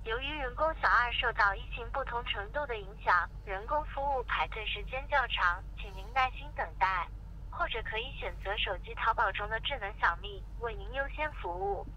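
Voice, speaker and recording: A woman's voice: a little high, moderate pace, bright, forceful tone. A woman's cheerful automated hotline voice reading polite, scripted menu prompts over a phone line. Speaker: automated customer service hotline voice. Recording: muffled phone line, faint hiss.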